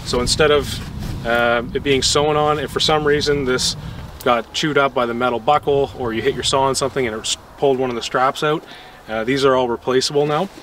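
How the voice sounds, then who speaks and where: A young gear maker demonstrates his product outdoors in the snow beside a vehicle, giving a relaxed, hands-on how-to and pausing and restarting as he works. His voice is mid-range, caught by a camera mic a few steps away with ambient outdoor noise.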